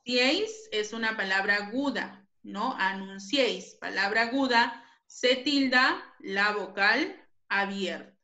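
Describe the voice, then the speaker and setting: Slow, bright-voiced woman teaching grammar. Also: mid-range voice. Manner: patient, repeats points for pupils. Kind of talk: online grammar lesson. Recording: echoey room.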